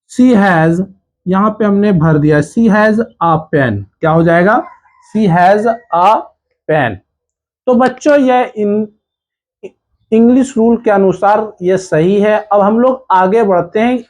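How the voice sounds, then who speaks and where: A man gives children a grammar lesson, posing questions and then answering them himself while repeating the key words over and over. His voice is high and a little mellow, animated yet slow.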